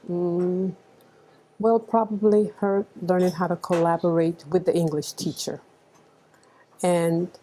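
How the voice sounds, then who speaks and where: A woman's voice: lowish voice, warm tone, a little hiss or hum, low-quality recording. A middle-aged woman, a teacher giving interview answers. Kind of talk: interview talk.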